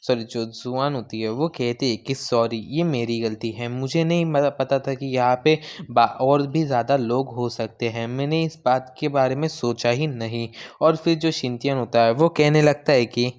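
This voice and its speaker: Smooth-voiced man recapping a manga. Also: mid-range voice, fairly even intonation, moderate pace, few pauses, darkish tone. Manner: retells scenes, briefly voicing each character's lines. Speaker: manga explainer. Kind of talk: casual recap narration.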